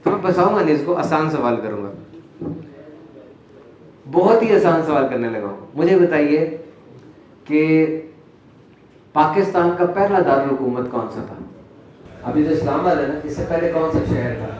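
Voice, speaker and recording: A man giving a live motivational talk on stage, animated and quizzing the audience playfully. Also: on the high side, long pauses. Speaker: motivational speaker. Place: stage at a live event hall. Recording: echoey hall.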